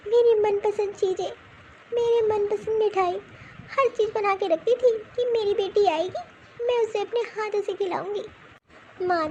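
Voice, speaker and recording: A woman's voice: very high-pitched, darkish tone, slight background noise, poor audio. A woman voicing a grieving young married daughter-in-law in a cartoon, talking in a tearful, mournful way. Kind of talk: cartoon voice acting.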